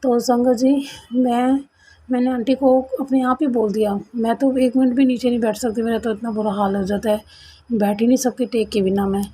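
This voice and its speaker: A woman's voice: on the high side, level tone, moderate pace, dark tone, slight background noise. A woman earnestly recounting a personal experience to a congregation, in a casual storytelling way with retold dialogue. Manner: earnest, conversational, retells quoted dialogue. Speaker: devotee sharing experience.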